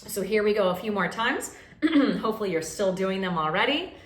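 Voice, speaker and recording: A woman vocal coach leading a warm-up lesson, encouraging and checking in with "okay?" as she goes. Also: medium pitch, animated, a little fast. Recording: roomy echo with faint ambient noise.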